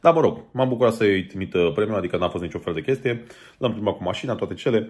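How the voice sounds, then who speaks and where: A man's voice: fairly low pitch, darkish tone, husky, dry recording. A young man vlogging casually, slangy, laid-back and chatty, talking from a car. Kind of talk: casual vlog chat.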